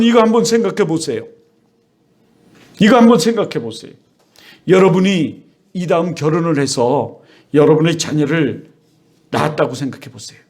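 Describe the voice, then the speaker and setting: Man, pastor, sermon, high voice, middle-aged, lively preaching, acts out parents and children.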